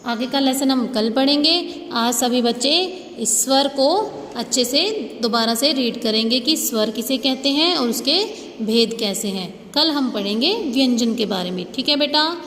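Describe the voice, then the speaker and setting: A woman school teacher giving a slow, patient grammar lesson to young students, often checking that they follow. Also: high voice, fairly bright tone, slight background noise. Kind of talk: online class lesson. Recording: echoey room with faint ambience.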